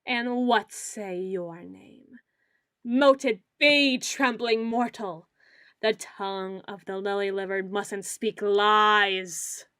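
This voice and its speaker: A woman playing a pompous, socially awkward self-styled lord of shadows in an ASMR roleplay, speaking in grandiose, archaic phrases with dramatic pauses. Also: mid-range voice, fairly even intonation, fairly bright tone, clear, resonant tone, no room sound, clean studio sound. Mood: grandiose, proud.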